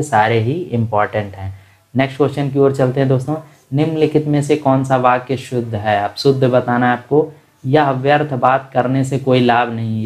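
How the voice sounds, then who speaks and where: A man's voice: mid-range voice, a little mellow. Man explaining quiz answers step by step. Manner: explanatory, repeats answers for emphasis; calls listeners "friends". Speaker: exam prep teacher. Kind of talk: online grammar lesson.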